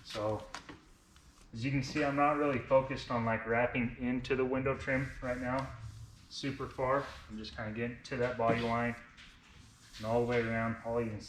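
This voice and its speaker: A man in his thirties talks through a how-to in an informal, unscripted way, his speech slightly lisped by braces. His voice sits at an ordinary male pitch. It is recorded in an echoey garage workshop, with clear noise and clicks behind him. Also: level tone, normal speed. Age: 30s. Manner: informal, explains each step as he works. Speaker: vinyl wrap installer, presenter of a how-to video. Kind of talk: casual hands-on tutorial narration. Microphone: camera on a tripod, a short distance away.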